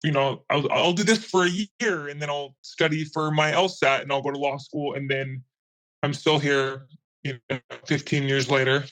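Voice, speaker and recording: A man's voice: a little high, fairly even intonation, moderate pace, a bit bright, rough recording. A man in his thirties whose voice is altered for anonymity, chatting candidly as an interview guest in loose, rambling sentences. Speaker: interviewee, meme page admin. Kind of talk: casual interview chat.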